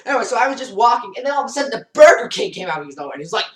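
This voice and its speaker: A teenage comic vlogger delivers bouncy, high, sing-song, rapid-fire speech, rambling and joking as he moves around acting out scenes of a parody story. He's in a small indoor basement room, captured by a built-in webcam mic across the room, so he sounds roomy and distant with background noise.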